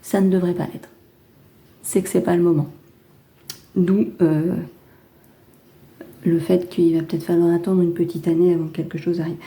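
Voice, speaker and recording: A French woman giving a casual tarot reading, chatty and gentle, with many fillers and restarts. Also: fairly low pitch, level tone, moderate pace, long pauses. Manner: gentle, reassuring advice. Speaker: tarot card reader.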